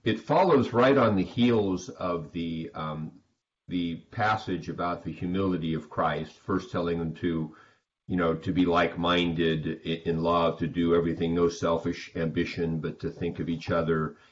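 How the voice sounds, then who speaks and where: A man preaching an informal expository sermon, conversational and halting, often repeating words as he goes. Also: low voice, steady tone. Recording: dull lo-fi sound.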